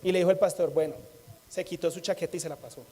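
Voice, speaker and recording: A man's voice: high-pitched, steady tone, fast talker, mellow. A man preaching a sermon in a conversational way, repeating phrases and joking with the congregation.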